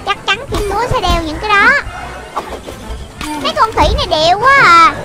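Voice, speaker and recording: Here a children's game video narrator talks at a moderate pace, giving excited running commentary on gameplay. The very high, childlike voice exclaims often and repeats short phrases, with loud game music layered over it.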